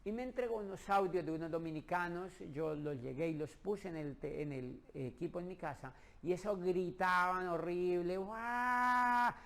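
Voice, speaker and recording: A middle-aged man from Colombia tells a personal story with lively energy and acts out the quoted dialogue. His voice is gravelly and sits a little high for a man. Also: moderate pace, few pauses. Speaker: speaker telling his own business story.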